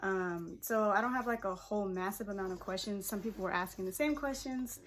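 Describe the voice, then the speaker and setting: A woman's voice: mid-range voice, fairly quick, a little hiss or hum. Chatty young woman vlogging her makeup. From Pacific Northwest of the US. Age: 20s. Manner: relaxed and chatty, laughs often, lots of fillers. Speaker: hairstylist and vlogger. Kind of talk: casual chat while doing makeup.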